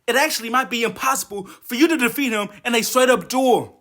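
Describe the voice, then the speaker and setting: Man, extremely high voice, bright and forceful, exasperated comedic commentary, profane, mocking. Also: fairly quick. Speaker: video essayist. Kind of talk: comedic anime commentary rant.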